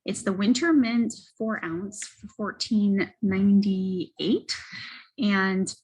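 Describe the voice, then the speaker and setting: Woman doing a casual product testimonial, bit of a husky voice, middling pitch, kinda halting and self-correcting. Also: a little mellow, rough recording. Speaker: host presenting wellness products. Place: library children's area. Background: children and banging in background.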